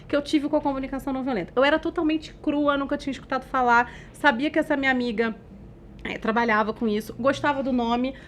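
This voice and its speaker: Lively Brazilian woman telling a story. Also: high-pitched, fast talker, a little hiss or hum. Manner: expressive, animated storyteller who laughs often; says she talks loudly by habit. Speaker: guest, communication expert. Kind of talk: casual interview storytelling.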